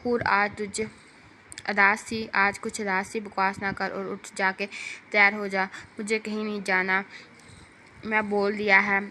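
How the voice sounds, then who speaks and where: A woman's voice: medium pitch, flat delivery, measured pace, sharp tone, slight background noise. A woman reading a light comic novel aloud as narrator, voicing every character herself.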